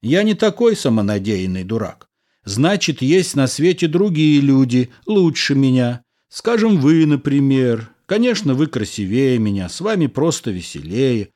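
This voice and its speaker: A man reading the part of a calm husband who reasons things out with patient irony. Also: mid-range voice, measured pace. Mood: wry. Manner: ironic, patient, lecturing. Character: calm, wry, reasoning middle-aged husband engineer. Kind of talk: audiobook character reading.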